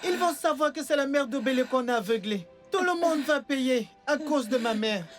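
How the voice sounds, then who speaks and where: A man's voice: extremely high pitch, expressive, moderate pace. A young man playing a son who swears revenge for his blinded mother, speaking threateningly in a French-dubbed film drama. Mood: vengeful. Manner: threatening, vengeful. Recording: film soundtrack with faint music.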